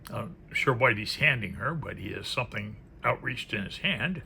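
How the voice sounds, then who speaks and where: Here a man with a fairly low, gravelly voice shows off a tarot card deck, chatting informally and letting his thoughts tail off into murmured side remarks. He's expressive and talks at a normal speed with a bright, forceful tone, over faint background noise.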